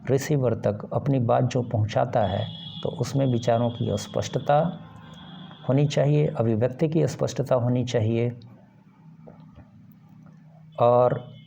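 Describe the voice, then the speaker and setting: Guy teaching slowly, gravelly low-key voice, bit of hiss behind. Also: dark tone. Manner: slow and deliberate, with fillers. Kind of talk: explanatory lecture.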